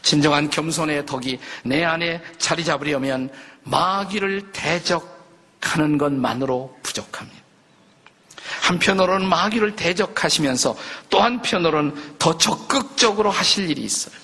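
An older man, a pastor, preaching a sermon in a lively conversational way, acting out quotes and jokes. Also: on the high side, normal speed, slightly rough. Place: church sanctuary. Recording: long church reverb.

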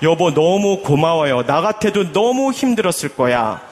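A man's voice: on the high side, big pitch swings, moderate pace, big-room sound. A man playing a loving husband who comforts and thanks his stressed wife. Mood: fervent. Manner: gentle, soothing, then fervently grateful.

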